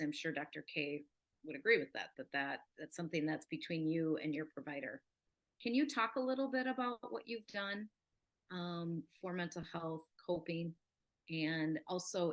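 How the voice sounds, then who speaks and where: A woman moderating a panel discussion, gently asking questions with many fillers. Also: sits low.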